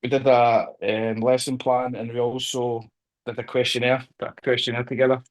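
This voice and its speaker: A man with a Glaswegian accent, talking through his workplace training and risk assessment work in an interview, hesitant with many pauses and restarts. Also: mid-range voice, little pitch movement, rough recording. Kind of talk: conversational professional discussion.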